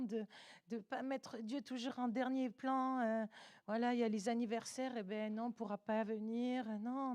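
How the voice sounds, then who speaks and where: Woman, middle-aged, church testimony, earnest, halting, mellow warm tone. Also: a little high. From Italian roots. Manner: earnest, halting with many restarts. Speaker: guest speaker giving a testimony.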